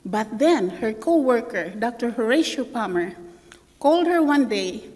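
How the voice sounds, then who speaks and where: Woman church elder, sermon storyteller, slightly high voice, reverberant hall. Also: measured pace. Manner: animated storyteller, acts out family voices. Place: church sanctuary.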